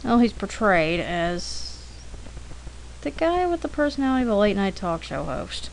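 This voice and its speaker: A woman narrates her drawing demonstration in a sing-song way at a medium pitch and normal speed, offering chatty, informal, rambling anecdotes punctuated by throat clearing. The low-quality recording has a little hiss or hum.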